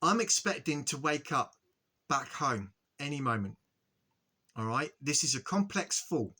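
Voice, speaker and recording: Male spiritual video host, bright tone, earnest and halting, repeated check-ins with viewers. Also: on the high side, sing-song, husky. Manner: earnest, repetitive, frequent "okay?" check-ins; halting, restarts and stutters. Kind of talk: spiritual monologue to camera.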